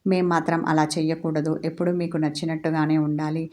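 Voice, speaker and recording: A woman's voice: sits low, level tone, a little fast, a little mellow, close to an everyday voice. A woman reading a story, voicing a bitter young bride who scolds her husband sharply. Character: fiery young bride, bitter toward men. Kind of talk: storybook character voice.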